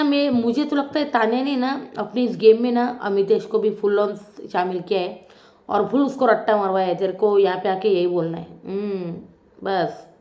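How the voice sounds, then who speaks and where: A woman's voice: medium pitch, roomy sound, dull audio. A woman chatting casually as she reviews a reality show episode, teasing and mimicking the contestants.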